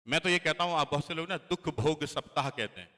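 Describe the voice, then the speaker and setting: Male pastor, high and very bright voice, emphatic sermon delivery, long church-hall reverb. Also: brisk. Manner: emphatic preaching, rising loudly for scripture.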